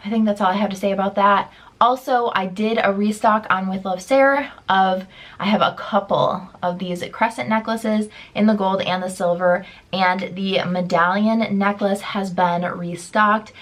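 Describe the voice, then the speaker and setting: Young woman vlogging makeup while sick, stuffy nasal voice, lower energy but chatty. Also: steady tone, normal speed. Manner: lower energy, upbeat product talk. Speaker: beauty vlogger. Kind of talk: casual chat to camera.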